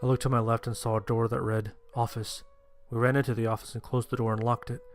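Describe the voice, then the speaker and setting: Over background music, a man narrates in the first person as a sheltered, anxious young survivor, speaking plainly and tensely. His voice is mid-range and level, quick, and close to how he'd normally talk.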